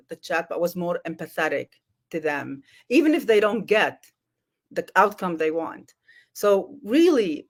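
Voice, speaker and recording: A woman moderates an online panel over a video call. She sounds lively and laughs easily, often stumbling and restarting her sentences as she hands the floor to others. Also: medium pitch.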